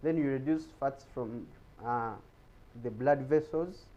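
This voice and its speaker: Halting man explaining health topics. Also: mid-range voice, dark tone, dull audio. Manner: repeats words often, halting and explanatory. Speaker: guest speaker on health. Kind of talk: explanatory studio talk. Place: TV studio.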